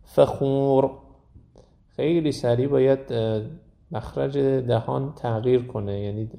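Deep gravelly male recitation teacher. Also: steady tone, warm tone. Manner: explains rules, then slowly repeats example words aloud. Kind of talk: tajweed lesson with recited examples.

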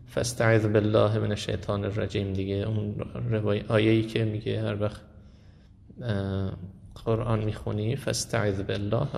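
A man teaching a Quran recitation class. He explains slowly, hesitates often and repeats sounds aloud to demonstrate them. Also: mid-range voice, vocal fry, a little mellow, long reverb tail, a little hiss or hum. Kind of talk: classroom lesson.

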